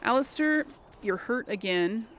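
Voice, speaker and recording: With game music playing underneath, this let's play host gives casual, chatty commentary, addressing herself and the characters as she goes. Her voice is a little high and fairly bright, with lively intonation and a slightly slow pace. There's slight background noise.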